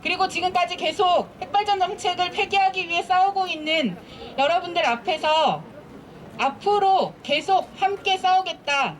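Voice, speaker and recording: A woman from Seoul, an activist, giving an earnest, measured speech at an outdoor protest. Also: extremely high pitch, a bit bright, slight background noise. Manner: earnest, measured, repetitive phrasing. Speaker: activist speaker at a rally. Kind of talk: rally speech.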